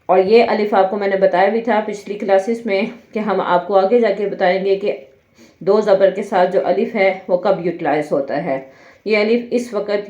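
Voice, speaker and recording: A woman teaching Quran reading. She spells out each letter and vowel mark slowly, then blends them into the whole word. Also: medium pitch, darkish tone. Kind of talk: slow syllable-by-syllable drill with spoken explanations. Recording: muffled, echoey room.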